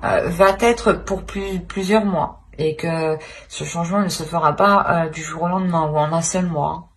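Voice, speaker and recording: This channel host offers an off-the-cuff tarot reading to her audience in a fairly low voice, keeping fairly even intonation at a normal speed. She falters often, going back over phrases and reworking them as words escape her.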